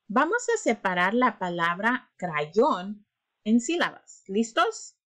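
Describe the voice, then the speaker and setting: A woman teaching children a phonics lesson, drawing out syllables slowly and coaxing them to repeat after her. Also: on the high side, a bit bright.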